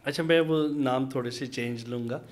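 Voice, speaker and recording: A man from Pakistan, an interview guest telling a long anecdote. He pauses to hesitate and acts out the voices of the people in his story. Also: medium pitch. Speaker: interview guest, minority community leader. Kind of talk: conversational storytelling.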